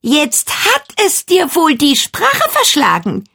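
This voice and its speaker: A woman voicing a vain, spoiled young girl who rants and shouts in a shrill voice, in a read-aloud children's story. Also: wildly swooping pitch, takes it slowly, vocal fry, heavily acted. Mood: mocking. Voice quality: shrill, squealing. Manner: indignant, ranting, shouting. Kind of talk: storybook reading.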